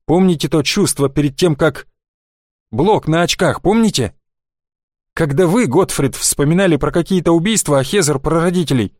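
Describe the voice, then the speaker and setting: Narrator voicing a hoarse, rasping, worn-out man; irritable, audiobook. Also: fairly high pitch, normal speed, a little mellow, no echo, clean studio sound, pitched above the performer's own voice, close to an everyday voice. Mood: agitated. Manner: rasping, snapping. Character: exhausted, irritable man after a blackout.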